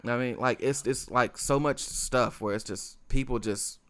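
A man's voice: mid-range voice, fairly even intonation, unhurried, a bit bright. A man co-hosting a podcast in casual conversation, rambling with lots of fillers and restarts. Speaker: podcast co-host.

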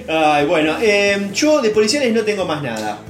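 A man's voice: high voice, big pitch swings, a little slow. A man with a Rioplatense accent co-hosting a casual comedic chat, playful and teasing as he tosses in trivia. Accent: Rioplatense Spanish. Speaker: co-host. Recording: roomy, faint music behind.

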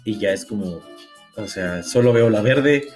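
A man's voice: fairly low pitch, moderate pace, faint music behind. A young man from Mexico with a Mexican Spanish accent, co-hosting a podcast in casual, profane chat. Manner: slangy, profane, excitable. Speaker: podcast co-host.

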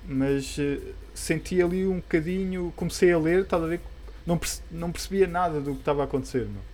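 A man's voice: a little high, fairly quick, a little mellow. A man with a European Portuguese accent chatting casually about comic books in a hesitant, rambling, colloquial way. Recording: background music under the voice.

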